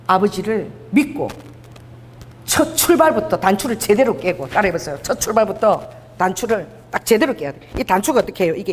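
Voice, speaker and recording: A woman preacher giving a lively sermon, acting out the voices of God and people from scripture as she teaches. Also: mid-range voice. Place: church sanctuary. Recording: long hall reverb.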